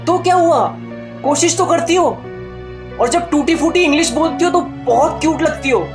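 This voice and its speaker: A young man delivers sarcastic, exasperated lines as the son in a comic sketch. His voice sits fairly high, with music running underneath. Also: normal speed. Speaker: comedian playing the son.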